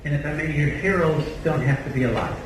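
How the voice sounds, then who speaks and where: A man's voice: on the high side, quick pace. An Australian man, a body language trainer, leading a live seminar demonstration and drilling the audience with countdowns. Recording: echoey hall, mic far off, noisy.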